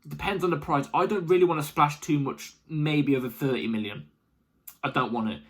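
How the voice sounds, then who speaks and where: A man giving casual, animated opinion commentary as the host of a football fan channel, rambling and repeating himself for emphasis. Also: on the high side, fairly quick, breathy edge.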